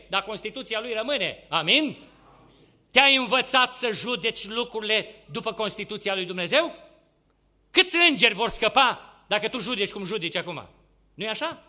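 A male preacher with a high, very bright and piercing voice delivers a sermon. He swings between loud, urgent exhortation and quiet, hushed asides. He keeps putting rhetorical questions to the congregation.

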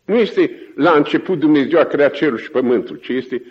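A man preaching a sermon, telling stories in an animated way and often chuckling. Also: on the high side, lo-fi sound.

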